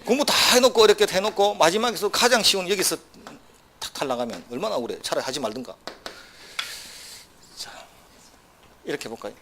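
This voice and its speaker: Male law lecturer, a bit higher-pitched than most men. Brisk, drilling exam-prep delivery with rhetorical questions and wry humor. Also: lively intonation, a bit bright. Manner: brisk, quizzing students with rhetorical either-or questions; wry asides with short laughs.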